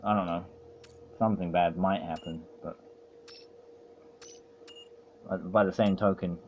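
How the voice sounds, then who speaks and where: A man with a lowish voice talks through a racing game as he plays, rambling and dry about his own channel. The recording is dull and lo-fi. A faint hiss sits underneath. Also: steady tone, moderate pace. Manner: rambling, self-mocking and dry. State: feeling overheated. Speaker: let's play host. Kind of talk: casual gameplay commentary.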